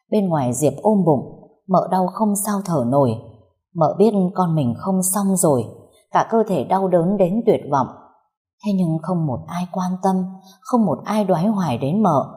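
A woman narrating a story in a steady, emotive reading voice. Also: on the low side.

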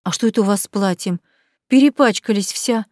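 Woman doing an excitable young maid. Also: a little high, normal speed, dry recording, studio quality, natural voice. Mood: eager.

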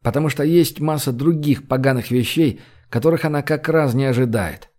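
A man's voice: medium pitch, fairly quick, a little mellow, natural voice. A male narrator voicing a worried, protective man who fusses anxiously over others.

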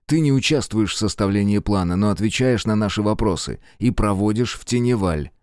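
A stern, bitter young man in a storybook, asking questions curtly and coldly, as a man reads him. His voice sits a little low and sounds dry and close. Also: lively intonation, a little fast, a little mellow, no room sound, natural voice.

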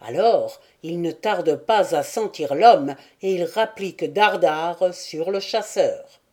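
A woman's voice: lowish voice, takes it slowly, mellow. A woman reading the part of a brash, self-assured young male hunter from Paris, in an emphatic way. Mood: insistent.

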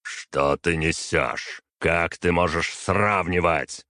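A man's voice: low-pitched, sharp tone, no room sound, clean studio sound, full character voice. A man voicing a stern, unbending aging emperor who speaks curtly and commandingly to his daughter. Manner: curt, measured, commanding.

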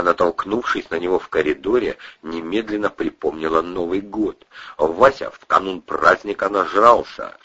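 A man narrating a story with a lively, wry delivery. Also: sits low, slightly rough, dull audio. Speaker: audiobook reader. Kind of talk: expressive book narration.

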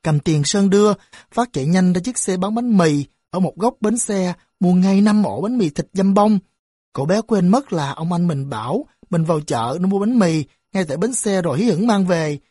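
Audiobook narrator: a woman, low and dark, measured reading. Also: lively intonation, husky, no room sound, clean studio sound. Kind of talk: scripted narration.

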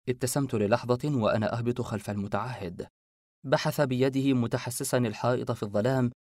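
Male audiobook narrator: mid pitch, steady measured delivery, dry close sound. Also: no echo.

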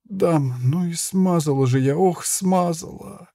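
A man's voice: fairly high pitch, slow pace, warm tone, dry recording, studio quality, pitched above the performer's own voice. A man reading the part of a dying young woman crossbow fighter, speaking weakly in a faint, breathless half-whisper. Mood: weak pained. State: gravely wounded, weak.

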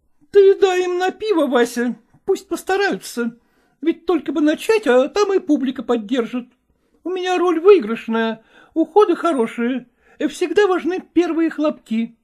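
A man reading a story aloud, voicing a jealous, demanding actress wife who scolds and shouts at her husband. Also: extremely high pitch, animated, normal speed, voice pushed up. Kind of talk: audiobook character voice.

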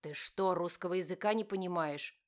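A woman voicing an angry, domineering young husband who growls and shouts in a lowered, slower voice. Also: natural voice. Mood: furious.

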